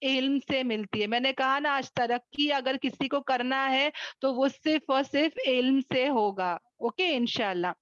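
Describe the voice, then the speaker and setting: A woman's voice: sits high, hardly any pauses, a bit bright, no echo, dull audio. A woman teaching a Quran class to sisters over a video call. She keeps asking questions and checks that her students follow. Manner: addresses listeners as sisters. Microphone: video call microphone.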